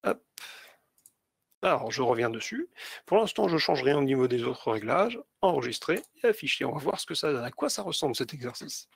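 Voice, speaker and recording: A man giving a step-by-step software tutorial to teachers, with many small hesitations and fillers. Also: mid-range voice, big pitch swings, fairly quick, gravelly, slightly rough, no room sound. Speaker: teacher trainer. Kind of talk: screen-share tutorial.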